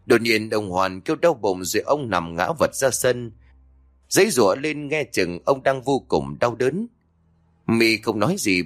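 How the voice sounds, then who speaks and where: A man's voice: lowish voice, no echo. A man narrating a scripted horror story in a dramatic manner.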